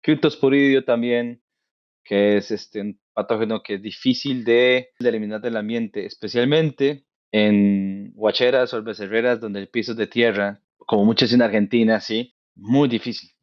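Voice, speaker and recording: A man in his thirties from Costa Rica, a veterinarian guest, explaining his work in a relaxed, thoughtful, conversational way. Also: on the low side, normal speed, no room sound, highs cut off. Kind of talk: casual conversational interview.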